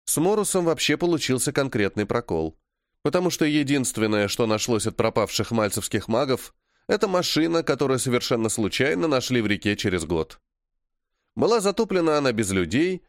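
A male audiobook narrator reads scripted first-person fantasy with lively intonation. His mid-range voice is captured in clean studio sound with no room sound.

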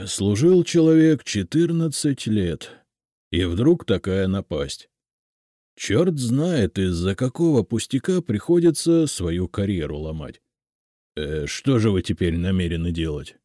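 A man reading an audiobook and voicing a fussy, self-important male school director who speaks loudly and fretfully. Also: on the low side, very animated, measured pace, no room sound, clean studio sound. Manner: loud, declamatory, fretful.

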